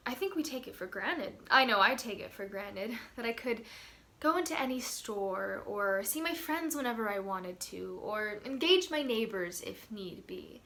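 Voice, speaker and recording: A woman's voice: a little high, animated, normal speed, a bit bright. An actress playing a thoughtful woman who misses human contact, speaking earnestly in a film monologue. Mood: reflective.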